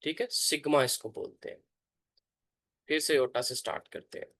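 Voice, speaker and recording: A man, a pastor, teaching an online Bible class, slowly pronouncing and repeating letter names for his students. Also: on the high side, fairly even intonation, a bit bright, no room sound.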